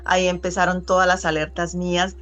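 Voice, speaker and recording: A middle-aged woman speaking as an interview guest, earnest and reflective, pausing and restarting as she thinks. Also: on the low side, flat delivery, a bit bright. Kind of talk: conversational interview.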